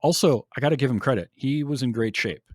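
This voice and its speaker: A man's voice: medium pitch, quick pace, breathy edge, no echo, clean studio sound. A man hosting a podcast, chatting casually and enthusiastically about a film with many ums. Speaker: podcast host.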